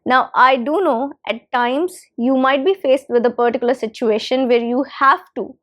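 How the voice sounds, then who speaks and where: Speaking at normal speed in a high, slightly bright voice, this English teacher delivers a lesson straight to camera. She is a native Hindi speaker who hammers home important phrases through emphatic repetition.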